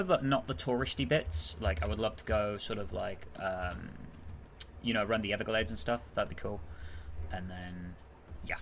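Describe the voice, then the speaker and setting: A British man with a fairly low voice commentates a strategy game on a live stream. He is chatty and loose, breaking off mid-move to answer viewers. A faint room ambience hangs behind him. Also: a little hiss or hum. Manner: chatty, reads and answers chat while playing. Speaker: gaming streamer.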